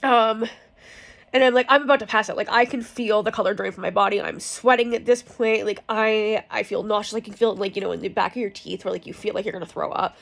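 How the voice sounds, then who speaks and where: A woman's voice: medium pitch, steady tone, fast talker, gravelly. A young woman telling a personal story in a casual, rambling way, frank and full of fillers and swearing. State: in pain from cramps. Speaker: vlogger.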